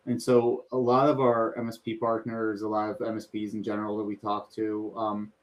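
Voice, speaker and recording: A man's voice: on the low side, completely flat delivery, normal speed, lo-fi sound. A man co-hosting a casual panel chat over a video call, talking conversationally and voicing what one would say to clients. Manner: conversational, many fillers and quoted client talk. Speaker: co-host.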